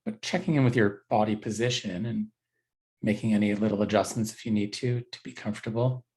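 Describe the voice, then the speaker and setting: Leading a body scan meditation as its teacher, a fairly low-voiced man speaks gentle instructions in short phrases. He leaves unhurried pauses between each one, and the recording quality is rough.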